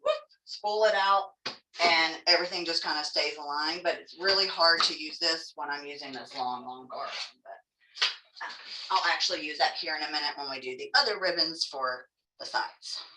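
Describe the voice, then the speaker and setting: A woman teaching a craft class in a casual, chatty, encouraging way, demonstrating step by step, with soft r sounds that lean toward w. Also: low voice, moderate pace, background noise. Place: indoor room, teaching an online class. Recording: echoey room, distant microphone.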